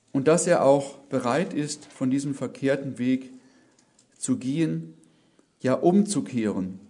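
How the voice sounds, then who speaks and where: A man's voice: mid-range voice, mellow. A man preaching an earnest sermon, often adding "ja?" as he speaks. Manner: slow, earnest, emphatic with many "ja?" asides.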